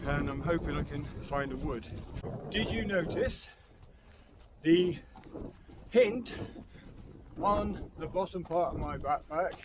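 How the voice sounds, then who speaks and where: Breathless hiker in his fifties, slow and slightly high-voiced, rambling chat to viewers, heavy wind roar. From England. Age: 50s. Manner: chatty, rambling asides to viewers. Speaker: wild camping vlogger. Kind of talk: casual chat to camera while hiking. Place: outdoors on a windy hillside. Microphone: clip-on wireless mic. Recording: loud wind noise outdoors.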